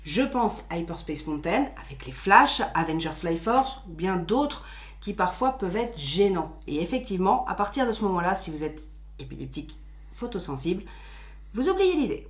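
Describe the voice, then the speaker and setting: A woman with a lowish voice co-hosts a theme-park channel, sounding very animated at a normal speed. She chats casually and explains patiently with filler words, in a room with noticeable echo.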